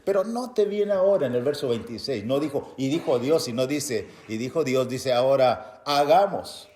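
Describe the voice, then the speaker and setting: A man preaching a Bible-teaching sermon, reading verses aloud and explaining them to his listeners as brothers, with loud emphatic bursts between quieter explanation. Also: medium pitch. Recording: echoey room.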